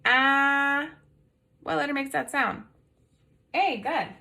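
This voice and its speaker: A woman teaching kindergarteners to sound out words, her highish voice swooping up and down in a sing-song way. She talks slowly and patiently, coaxing answers with gentle questions. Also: big pitch swings. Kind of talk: phonics lesson to young children.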